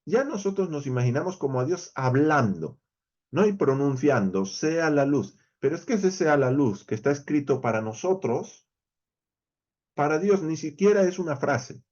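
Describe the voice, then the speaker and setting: A man's voice: a little high, big pitch swings, normal speed, darkish tone, muffled recording. A man with a Spain Spanish accent teaching a verse-by-verse Bible study lesson, explaining animatedly and speaking straight to his viewers.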